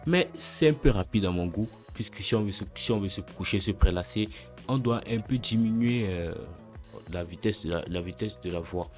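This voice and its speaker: Soft music plays behind a young man whose fairly low voice moves at a moderate clip. He's hosting an easygoing coding walkthrough, narrating each step out loud in casual slang and correcting himself along the way.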